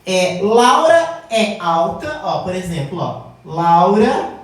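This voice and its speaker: A woman teacher explaining logic at a whiteboard, often checking in with the class and slowing down to stress key terms. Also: fairly low pitch, big pitch swings. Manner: addresses class as "gente", checks with "tá?"; slows down to stress key words. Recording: very echoey room, mic far off.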